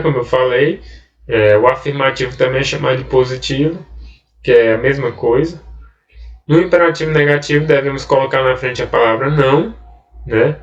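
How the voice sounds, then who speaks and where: A Brazilian male teacher walks his students through grammar rules in a patient, explanatory way, often checking in with short tag questions. His voice sits at an average pitch for a man. It was recorded from some distance, so the sound is dull and muffled. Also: reverberant. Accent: Brazilian Portuguese. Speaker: Portuguese teacher. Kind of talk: recorded online grammar lesson.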